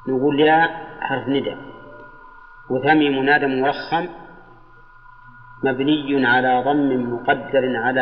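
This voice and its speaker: An older man teaching Arabic grammar to students in a lesson, slow and measured, drawing out the words of his examples and putting questions to the class. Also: medium pitch, slight background noise. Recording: dull old lecture tape in a reverberant hall.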